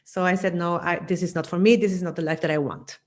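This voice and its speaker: A woman's voice: lowish voice, fairly even intonation, fast. A woman from Chile, a guest on an interview podcast, chatty and often repeating and correcting herself. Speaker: guest, psychologist and coach.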